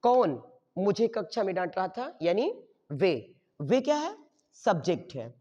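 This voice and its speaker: Lively-voiced male teacher, echoing room. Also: high voice, a little slow. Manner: quizzes the class and answers his own questions; checks in with "okay?" after each step. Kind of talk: grammar lesson. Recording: dull muffled sound with long reverb.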